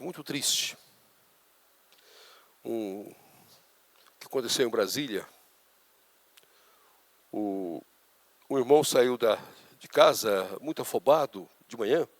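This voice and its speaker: A man preaching a sermon with a Brazilian Portuguese accent, a pastor who tells stories dramatically and turns loud and high when acting out scenes. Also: gravelly, dry recording.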